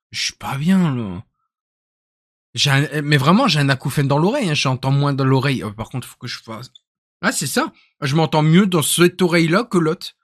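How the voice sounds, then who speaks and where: A man's voice: a little high, a bit bright, dry recording, studio quality. A young man from northern France with a northern French accent, chatting casually and jokily on a live stream, often trailing off into mutters. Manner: rambling, jokey, trails off into mutters.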